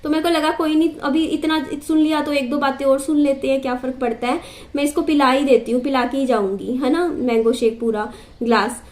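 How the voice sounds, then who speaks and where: A woman's voice: sits high, steady tone, brisk. A young woman vlogger telling a long everyday story to the camera in a chatty, repetitive way. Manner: chatty, repeats herself, asides to her child. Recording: echoey room.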